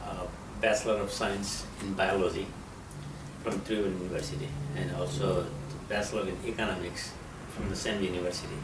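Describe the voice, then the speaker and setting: Low, flat-voiced Nepali-accented man. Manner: halting, with many fillers and restarts. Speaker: interviewee, geography professor. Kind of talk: conversational interview. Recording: roomy and distant, with loud background noise.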